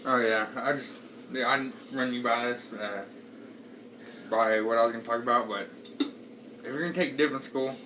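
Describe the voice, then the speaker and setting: A man's voice: mid-range voice, fairly even intonation, moderate pace, pauses often, bright, forceful tone. A young man chatting casually as a co-reviewer. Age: young adult. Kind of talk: casual chat. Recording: distant microphone, faint background noise.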